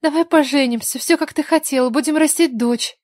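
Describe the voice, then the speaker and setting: A woman's voice: sits high, a little fast, darkish tone, no room sound, studio quality, voice pushed up, lightly acted. A woman reading an audiobook, voicing a desperate young woman who has just become a mother, with a pleading, tearful manner. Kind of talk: audiobook character voice.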